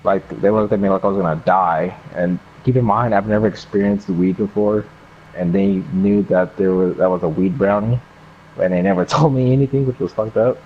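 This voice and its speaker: A young adult American man with a lowish voice moves briskly through a casual story told to a friend, wandering off track and swearing freely in slangy language. Faint noise sits under a dull, lo-fi recording.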